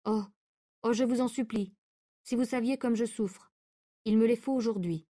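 Brief: a hesitant, trembling wife under a spell, read by a woman, soft and high, storybook reading. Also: a little slow, close to an everyday voice. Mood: pleading. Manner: hesitant, trembling, near tears. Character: anxious young wife, pleading under hypnotic command.

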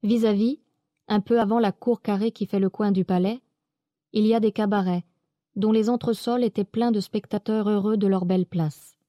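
A woman reading a classic novel aloud in calm, even first-person narration. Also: medium pitch, normal speed, no echo, muffled recording.

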